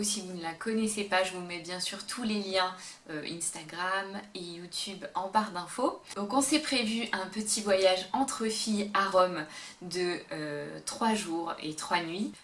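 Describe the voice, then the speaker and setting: A woman's voice: mid-range voice, a bit bright. Chatty woman vlogger in a roomy room. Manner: chatty and upbeat, with frequent hesitations. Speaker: beauty and travel vlogger. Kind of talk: casual face-camera travel tips chat. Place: indoor room, talking to camera. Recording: roomy echo with faint background hum.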